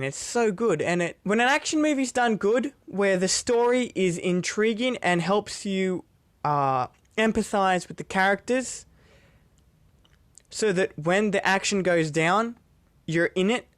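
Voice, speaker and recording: A man's voice: sits high, no room sound. A young man giving a casual spoken movie review, rambling and profane, with many fillers and restarts.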